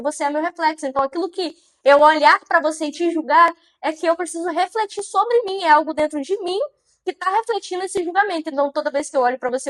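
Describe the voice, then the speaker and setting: A woman giving a motivational monologue on mindset, repeating phrases and asking the listener rhetorical questions. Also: high-pitched. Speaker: mindset speaker.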